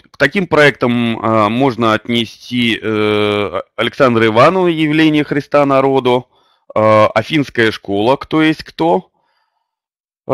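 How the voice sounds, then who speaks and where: A man hosting an online webinar, presenting unscripted and pausing often on drawn-out fillers. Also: medium pitch, a bit bright, dry recording, studio quality. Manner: hesitant, many drawn-out fillers. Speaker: webinar host.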